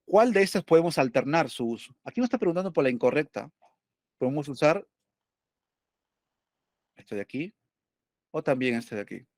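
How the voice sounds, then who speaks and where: A man's voice: fairly high pitch, expressive, moderate pace, pauses often, no room sound. Man, teacher, explanatory lecture, asks himself questions, dry close sound. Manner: explanatory, asks and answers his own questions. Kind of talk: lecture going over test questions.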